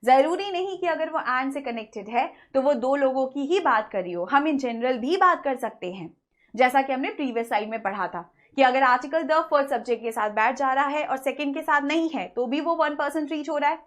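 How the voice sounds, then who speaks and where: A woman teaching English grammar in an online lecture, explaining in Hindi mixed with English, asking questions and answering them herself, and slowing down to read example sentences. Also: high-pitched, a bit bright.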